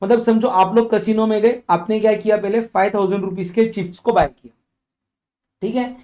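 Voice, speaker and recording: Male tax lecturer, mellow and relaxed, walks through examples and checks for understanding. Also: sits high. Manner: mixes in English legal phrases read slowly. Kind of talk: exam revision lecture.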